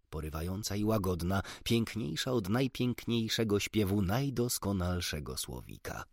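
A man narrating a children's book in an expressive, measured storytelling manner. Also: on the low side, dry recording, studio quality. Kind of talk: audiobook narration.

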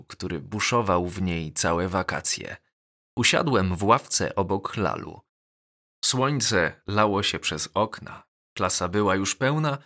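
A man narrating a novel as an audiobook, measured and even. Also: sits low. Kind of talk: scripted narration.

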